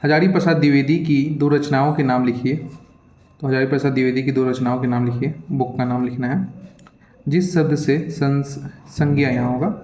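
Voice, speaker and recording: A man's voice: mid-range voice, fairly even intonation, brisk, a little mellow, a little hiss or hum. A male teacher hurriedly reading exam questions aloud and explaining the answers to students, often checking in with them. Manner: repetitive, keeps checking in with "theek hai". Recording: echoey room, dull lo-fi sound.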